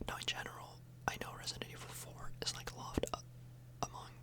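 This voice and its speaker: A woman hosting ASMR content speaks a little fast in a close-mic, breathy whisper with no voice behind it. Her delivery is rambling, relaxed, and somewhat hesitant.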